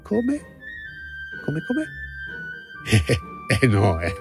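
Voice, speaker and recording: A man's voice: wildly swooping pitch, very slow, over music, heavily acted. A man voicing a stubborn, touchy unborn boy in a children's fairy-tale audio play. He grumbles and answers with sarcasm. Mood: stubborn, indignant. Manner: grumbling, sarcastic, with wide swings in pitch.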